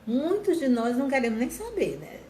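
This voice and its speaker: A woman's voice: high-pitched, wildly swooping pitch, a little fast, mellow. A woman giving an earnest reflective talk on mental health to viewers, often repeating and rephrasing herself. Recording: echoey room, faint ambient noise.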